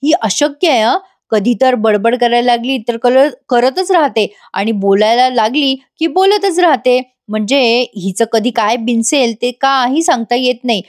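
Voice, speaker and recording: A woman's voice: a little high, unhurried, no echo, clean studio sound, close to an everyday voice. A woman voicing a puzzled young husband musing in inner monologue about his wife.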